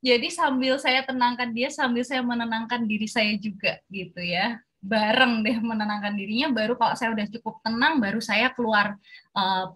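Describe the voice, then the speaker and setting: Husky-voiced woman giving parenting advice. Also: on the high side, fairly even intonation, normal speed. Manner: gentle, practical, uses fillers like "gitu ya". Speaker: evangelist speaker. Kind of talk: webinar talk to parents.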